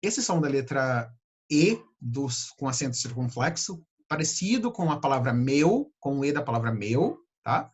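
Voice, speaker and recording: A Brazilian man teaching English pronunciation, patiently repeating sounds slowly to demonstrate them. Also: medium pitch, big pitch swings, slightly rough. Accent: Brazilian Portuguese. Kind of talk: pronunciation lesson.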